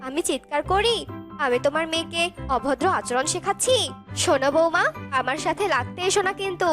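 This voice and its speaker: A sharp-tongued old mother-in-law from a village cartoon, played by a woman. She nags, shouts and sneers in a very high, piercing voice. Cartoon music runs under her. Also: expressive, fairly quick. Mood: scolding. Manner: scolding, shrill, shouting. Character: nagging older village mother-in-law, grandmother. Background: background music.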